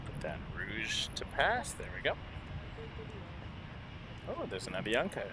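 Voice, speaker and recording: A man's voice: lowish voice, wildly swooping pitch, unhurried. A man hosting a live plane-spotting stream with casual running commentary. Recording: heavy outdoor or airfield background noise.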